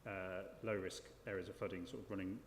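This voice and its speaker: Hesitant low-voiced man chairing a hearing. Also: steady tone, brisk. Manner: hesitant, often repeating words as he phrases questions. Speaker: planning inspector chairing an inquiry. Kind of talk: formal questioning at a public hearing. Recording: echoey hall with clear background noise.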